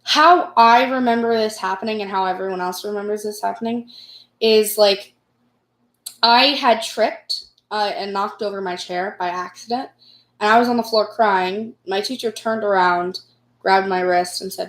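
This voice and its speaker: A woman's voice: medium pitch, fairly even intonation, normal speed. A young adult woman with an American accent telling personal stories casually, in a rambling, self-deprecating, giggly way. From United States. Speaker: vlogger. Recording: echoey room.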